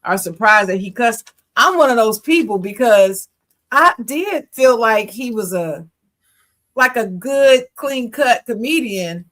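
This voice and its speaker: A woman's voice: fairly high pitch, a bit bright. A woman co-hosting a podcast in casual chat, frank and opinionated, laughing easily. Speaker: podcast co-host.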